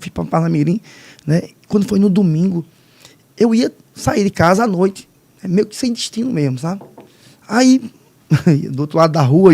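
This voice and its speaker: A man tells his life story in a halting, heartfelt way, often breaking off and restarting. His voice sits fairly high for a man. It is gravelly and husky throughout. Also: mellow. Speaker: podcast guest. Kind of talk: personal testimony in casual conversation.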